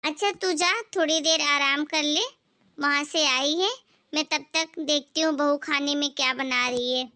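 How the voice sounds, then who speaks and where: A woman's voice: high-pitched, fairly even intonation, sharp tone. Woman doing a stingy, bossy mother-in-law. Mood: dismissive. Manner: slow, scolding and dismissive. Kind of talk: amateur family skit acting.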